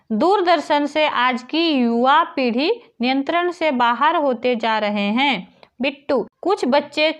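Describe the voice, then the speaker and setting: A woman teacher reading out textbook answers, dictating each answer slowly and deliberately. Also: sits high, fairly bright tone.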